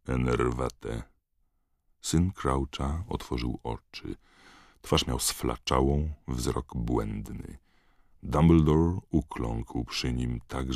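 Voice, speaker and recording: A man narrating a fantasy audiobook in a steady storytelling reading. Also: rumbling low, no echo, clean studio sound.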